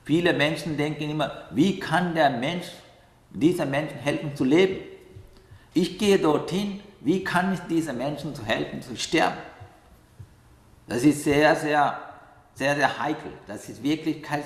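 A man speaks slowly and haltingly, pausing to find words and tagging his thoughts with a questioning "ja?". His voice sits a little high for a man. The room around him rings with a long, echoey reverb. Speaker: meditation teacher who accompanies the dying. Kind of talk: calm reflective interview answer.

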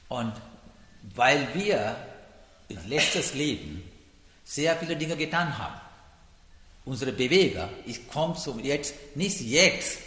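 A man gives a Buddhist dharma talk, halting and grammatically loose, often pausing to check in with his listeners. His pitch rises and falls with lively movement. The sound carries a long, roomy echo from a large hall. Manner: halting, broken grammar, frequent "Ja?" check-ins. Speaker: Buddhist teacher.

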